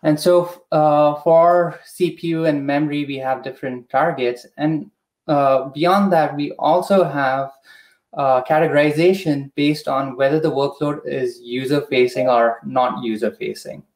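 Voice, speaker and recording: A slightly high-voiced man walks through a technical process in a measured, methodical way, pausing often with "uh". He speaks over a video call from a home room, and the room gives his voice a noticeable echo. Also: steady tone, a little mellow. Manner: measured, explanatory, frequent "uh" fillers. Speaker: product expert guest. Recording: echoey room.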